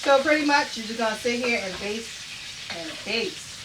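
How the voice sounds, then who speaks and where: A woman with a slightly high voice hosts a live cooking demonstration in her home kitchen, chatting and laughing easily with her viewers. She sounds a bit distant from the microphone. The loud sizzle of frying food fills the background. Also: brisk, heavy background noise. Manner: chatty and upbeat, often laughing. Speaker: cooking show host.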